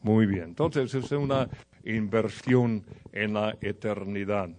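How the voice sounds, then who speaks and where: A man's voice: on the low side, slow pace, darkish tone. Man preaching a conversational sermon. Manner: conversational preaching with anecdotes and direct address to the congregation.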